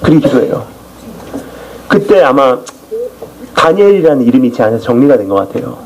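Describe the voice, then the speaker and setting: A man preaching a sermon in church as a missionary, telling his testimony in an animated storytelling way. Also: medium pitch, a little fast, slight background noise, poor audio.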